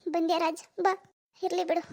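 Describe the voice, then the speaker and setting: A woman's voice: extremely high pitch, level tone, normal speed, a little mellow. A woman voicing a heartbroken young wife in a cartoon, tearful and resigned. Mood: despairing. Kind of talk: animated cartoon dialogue.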